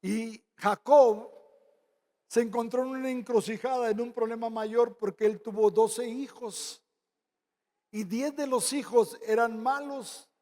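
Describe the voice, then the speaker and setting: A man preaching a sermon with a Mexican Spanish accent, telling stories and acting out dialogue with quick asides. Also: very high-pitched, fairly even intonation, warm tone. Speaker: pastor. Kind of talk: sermon with storytelling. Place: church sanctuary. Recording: long hall reverb.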